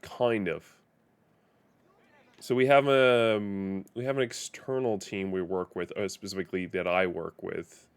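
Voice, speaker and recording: A man's voice: low voice, fairly even intonation, unhurried, clear, resonant tone. Rambling male game streamer. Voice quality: rambling, self-correcting. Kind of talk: casual live game stream chat.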